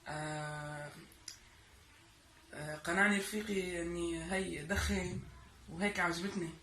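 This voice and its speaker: A man's voice: on the high side, fairly even intonation, measured pace, pushed and bright. A young man with a Levantine Arabic accent, chatting casually and a little hesitantly on a phone call. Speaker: YouTube co-host. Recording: echoey room, faint noise.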